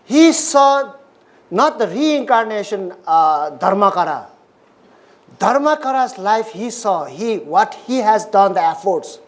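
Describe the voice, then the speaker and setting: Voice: medium pitch, big pitch swings, slow. A speaker from Nepal, giving a dharma talk in short, simple, repeated English phrases. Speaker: Buddhist lecturer.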